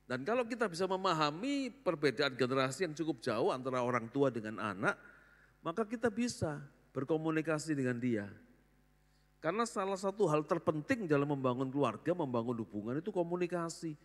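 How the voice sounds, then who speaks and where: An older pastor, his voice sitting a little high for a man, preaches with lively, jokey energy and acts out the people he talks about. He is recorded in a large church hall, and his words ring on in a long reverb. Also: fairly quick. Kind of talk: sermon.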